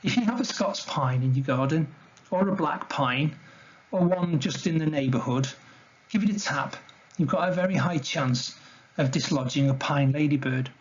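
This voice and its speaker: A man's voice: a little high, moderate pace, breathy edge, highs cut off. Man giving a chatty illustrated nature talk. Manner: conversational, chatty and informal. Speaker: wildlife educator presenting a talk.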